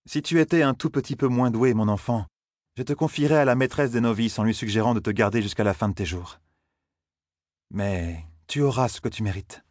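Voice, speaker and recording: A man's voice: medium pitch, a little fast, darkish tone, no echo, clean studio sound, lightly acted. A man voicing a stern, powerful older woman who leads an order of sorceresses, with a cool, condescending and mocking manner.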